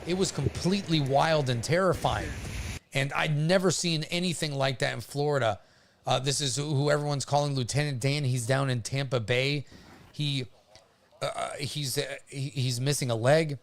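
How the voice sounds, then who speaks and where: A man hosting a livestream, giving casual storm commentary in an informal, halting way, often pausing to hesitate. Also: medium pitch. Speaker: livestream host covering a hurricane.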